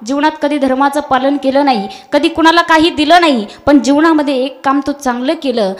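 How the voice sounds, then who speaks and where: A woman's voice: sits high, fairly quick, close to an everyday voice. A woman voicing a god disguised as a holy man, sternly questioning a selfish prince.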